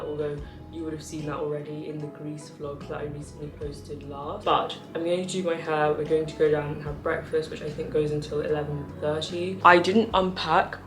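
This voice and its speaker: A young woman talks through her travel plans in a chatty vlogging manner, her voice level and flat in pitch. She sits back from the camera mic, and loud music plays behind her. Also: recorded from a distance. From Portugal. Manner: chatty, enthusiastic room-tour commentary. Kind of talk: casual vlog narration. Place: hotel room and car.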